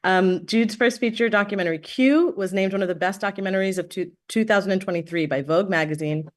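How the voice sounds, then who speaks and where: A woman's voice: mid-range voice, quick pace. A woman moderating a panel discussion, thanking organizers and introducing panelists with frequent fillers.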